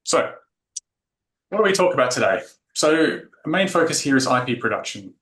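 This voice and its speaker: A man's voice: mid-range voice, sing-song, normal speed, fairly bright tone. A man from Australia giving a technical conference presentation, explaining with frequent fillers. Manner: explanatory, filler-heavy delivery. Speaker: tech talk presenter. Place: conference room. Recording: echoey conference room.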